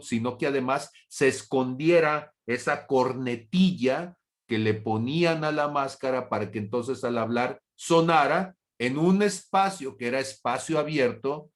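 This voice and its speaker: A pastor teaches a Bible study as a sermon, speaking deliberately in a medium-pitched voice. He asks rhetorical questions and briefly acts out imagined exchanges in a raised voice.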